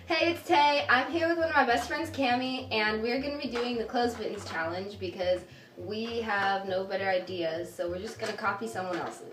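A woman's voice: a little high, moderate pace, very noisy. A young woman in her late teens chatting casually as the host of a challenge video. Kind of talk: casual chat. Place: small room at home, indoors. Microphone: camera a few feet away. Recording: echoey room, distant mic, faint music.

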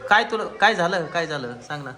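A man's voice: a little high, lively intonation, fast talker. A man, casually vlogging as he picks up a child from school, coaxing and scolding with many short repeated questions. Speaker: vlogger, parent picking up a child. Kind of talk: casual spoken vlog. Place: school classroom.

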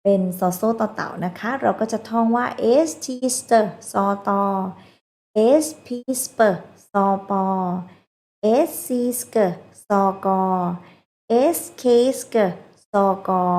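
A woman teaching a phonics lesson to children, slowly repeating each sound in drills with polite particles. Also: mid-range voice, a little mellow.

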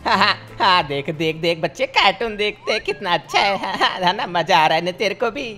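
A man's voice: sits high, lively intonation, a little fast, pushed and bright, soft background music. Playful man narrating game antics. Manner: playful, dramatic, switches between silly character voices. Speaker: gaming video narrator. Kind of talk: comedic GTA role-play voicing cartoon characters.

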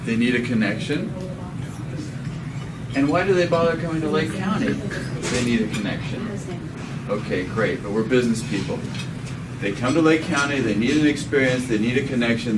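A young man raised in Denmark speaks to a dinner crowd, explaining his points and tossing questions out to the listeners. He is picked up from across a banquet room, so his voice sounds distant and echoey. Loud room noise with clinking cutlery sits under him. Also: medium pitch, moderate pace, pauses often. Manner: explanatory, asks the audience questions. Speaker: winery owner giving a talk. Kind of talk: conversational speech to an audience. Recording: roomy, distant and noisy.

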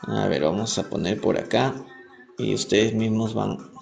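A man from Peru teaching English on a live stream, reading aloud and explaining words in Spanish, repeating each pronunciation slowly. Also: on the low side, vocal fry, darkish tone. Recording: echoey room, faint music behind.

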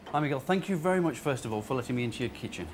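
A man's voice: mid-range voice, expressive, very fast. A man presenting a cooking show on location in a restaurant kitchen, upbeat and chatty, asking leading questions. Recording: noisy kitchen location sound.

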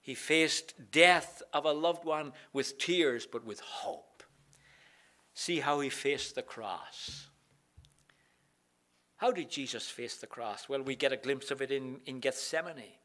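A man preaching a sermon in a chapel, earnest, repeating key phrases and pausing often. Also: mid-range voice, pushed and bright.

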